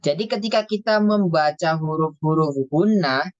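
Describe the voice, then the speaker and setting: A teacher giving an online lesson on Quran recitation, stretching out recited phrases slowly, then explaining each point briskly. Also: medium pitch, no echo, highs cut off. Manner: slow drawn-out recitation alternating with brisk explanation. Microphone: video call.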